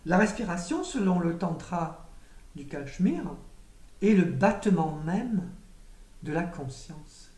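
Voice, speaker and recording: A woman giving a spiritual teaching in a calm, measured, meditative way, with occasional hesitations. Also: lowish voice. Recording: roomy echo, voice from a distance.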